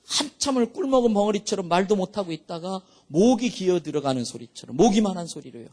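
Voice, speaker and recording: A middle-aged male pastor preaching a sermon. His voice sits high for a man, and he tells his story with strong feeling. He drops soft, then rises loud. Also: lively intonation, fast talker. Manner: emotional storytelling, swinging between soft and loud.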